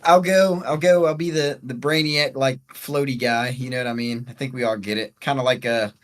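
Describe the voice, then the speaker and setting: A man's voice: mid-range voice, fairly even intonation, a little fast. A man co-hosting a casual podcast, rambling and joking with a cocky edge. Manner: cocky, rambling, laughs often. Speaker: podcast co-host.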